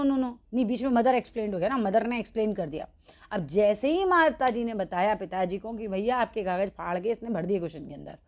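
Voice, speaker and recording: Indian woman English teacher, patient line-by-line explainer, measured reading. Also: medium pitch, darkish tone. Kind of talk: bilingual classroom lesson.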